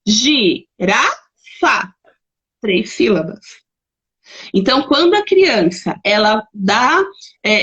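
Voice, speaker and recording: Husky Brazilian woman teaching on a live stream. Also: fairly high pitch, a bit bright, highs cut off. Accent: Brazilian Portuguese. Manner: chatty, reads out viewer comments and gives worked examples. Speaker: educator hosting a live stream.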